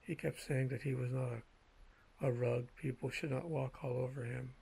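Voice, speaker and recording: A man speaking in a measured, halting way with a gravelly, husky voice, telling personal anecdotes in a casual monologue. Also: medium pitch, steady tone, mellow, low-quality recording. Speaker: vlogger telling personal stories.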